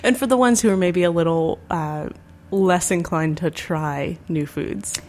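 A podcast host interviews her guest in a friendly, conversational way, affirming answers and laughing lightly. Her voice is lowish and darkish, and she keeps a measured pace.

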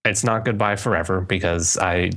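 A man's voice: deep voice, steady tone, normal speed, fairly bright tone. A young man co-hosting a podcast in casual, rambling chat, often restarting his sentences. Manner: rambling, self-correcting, loose. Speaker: podcast co-host.

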